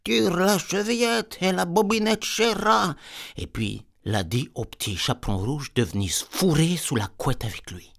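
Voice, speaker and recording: A man's voice: fairly low pitch, breathy edge. A man telling a tale in a comic folksy way, rambling off into peasant chatter. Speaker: storyteller.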